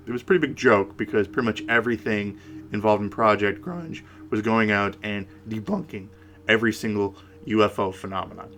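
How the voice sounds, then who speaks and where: A man co-hosting a conversational paranormal case discussion, speaking in a halting way and repeating words. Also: on the low side, fairly bright tone. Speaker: podcast co-host.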